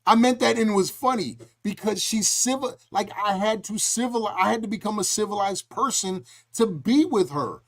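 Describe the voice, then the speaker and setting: A middle-aged man hosting a casual podcast, his voice sitting a touch higher than most men's. He tells his stories with animation and slips into acted-out voices along the way. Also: moderate pace, hardly any pauses. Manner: animated storytelling, acts out quoted voices. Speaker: podcast host.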